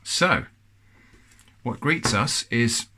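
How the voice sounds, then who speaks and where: A man's voice: mid-range voice, animated, very slow, sharp tone, slight background noise. An English man hosting a casual food review, chatty and thoughtful with a self-deprecating touch.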